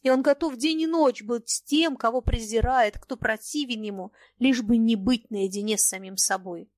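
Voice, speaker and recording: A woman reading the lines of a refined, anxious lady in an audiobook, with hurried, plaintive delivery. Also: fairly high pitch, dry recording, close to an everyday voice. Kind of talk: audiobook dialogue.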